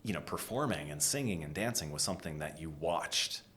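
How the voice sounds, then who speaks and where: A middle-aged American man from New England, a design executive giving an animated interview and dropping to a whisper for emphasis. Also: a bass voice, fairly quick, a little hiss or hum. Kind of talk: conversational interview.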